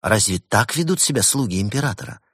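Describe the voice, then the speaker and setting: A man's voice: on the low side, expressive, quick pace, a bit bright, slightly rough, no room sound, studio quality, voice pushed up, heavily acted. A man voicing a curious, astonished young female cat in a storybook reading. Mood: questioning.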